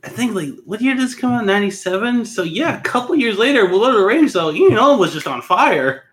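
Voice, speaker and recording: A man's voice: high-pitched, expressive, brisk, fairly bright tone. Congested young man with a cold. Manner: eager, jokey. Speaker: podcast co-host. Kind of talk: casual chat.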